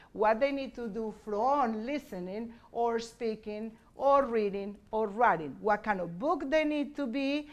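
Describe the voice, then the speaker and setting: A woman teacher presenting at a conference. She explains her classroom activities step by step and switches between English and Spanish. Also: a little high.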